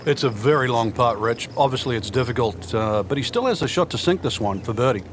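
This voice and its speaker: A man's voice: medium pitch, animated, fairly quick, natural voice. A man playing a seasoned golf color analyst in a video game, explaining things conversationally. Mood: explanatory. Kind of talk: video game sports commentary. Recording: crowd and outdoor noise behind. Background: crowd ambience, outdoor noise.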